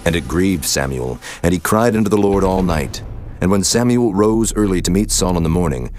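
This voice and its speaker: A man's voice: sits low, animated, normal speed, a little mellow, faint music behind. A man narrating dramatized scripture in a solemn, formal storytelling manner.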